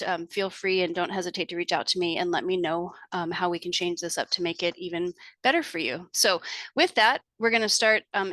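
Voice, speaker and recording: A woman's voice: lowish voice, bright, forceful tone, no echo. A middle-aged woman hosting an online meeting as a public health lead, friendly and chatty with many fillers and restarts. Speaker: state infection prevention lead hosting office hours.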